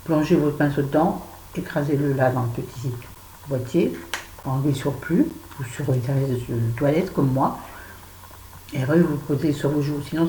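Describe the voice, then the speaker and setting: A woman with a low, mellow voice chats to her viewers as a beauty vlogger. She is blunt and self-mocking, with lively asides. The sound is roomy with a faint hiss behind it. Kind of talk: casual chat to camera. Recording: echoey room with faint background noise.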